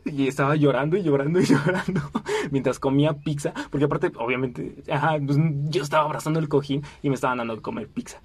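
A young man with a Mexican Spanish accent, telling a funny personal story in a casual, animated way. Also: on the high side, fast, slightly rough, no room sound. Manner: animated, acts out quoted voices, frequent fillers. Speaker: podcast host.

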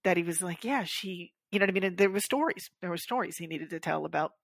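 A woman's voice: fairly low pitch, rapid-fire, vocal fry, dry recording, clean studio sound. A woman co-hosting a podcast, chatting casually and acting out the voices of people in her stories. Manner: animated storyteller, acts out quoted voices. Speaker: podcast co-host. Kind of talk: casual chat.

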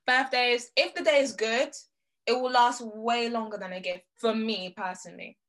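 A woman's voice: a little high, steady tone, moderate pace, fairly bright tone. A young British woman chatting casually in a group, emphatic and given to repeating her phrases.

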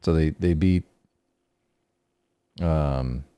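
A man's voice: extremely low pitch, very slow, mellow, smooth, dry recording. A man co-hosting a casual sports podcast, talking in a laid-back, profane way. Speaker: podcast co-host.

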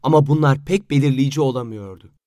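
A man narrating a story in a steady, storytelling manner. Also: mid-range voice, fast, no room sound, clean studio sound. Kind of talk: audiobook narration. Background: faint music.

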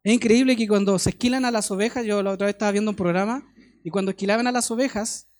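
A man's voice: high-pitched, fairly even intonation, fast talker, a little mellow. Chilean man preaching conversationally. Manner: conversational preaching with homely anecdotes and check-in questions. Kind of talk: sermon.

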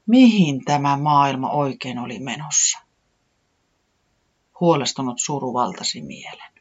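A storyteller reading a children's story aloud with expressive narration. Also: mid-range voice, breathy edge, lo-fi sound.

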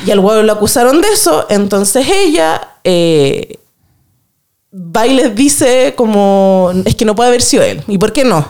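A Chilean woman hosting a casual podcast chat, retelling a film with animated, laughing asides and acted-out quotes. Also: medium pitch, a little slow. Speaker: podcast host.

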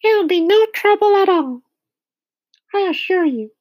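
A man voicing Miss Spider, a prim and polite female spider, in a very high, genteel voice. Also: expressive, a little slow, dry recording.

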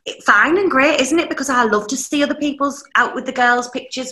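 A woman's voice: medium pitch, bright, forceful tone. A young woman with a Teesside accent chatting casually and candidly as a podcast guest, with some mild swearing. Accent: Teesside, North East England. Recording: echoey room.

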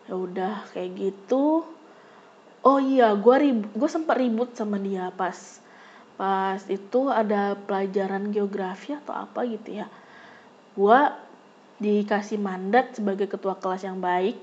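A young woman telling a casual personal story, lively and quick to jump up when she acts out a quarrel. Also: muffled recording. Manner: animated, jumps high when acting out arguments.

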